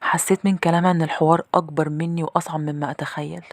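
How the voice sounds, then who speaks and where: A woman's voice: sits low, flat delivery, racing, no room sound. A woman with an Egyptian accent narrating a first-person horror story in a tense, confiding way. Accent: Egyptian Arabic.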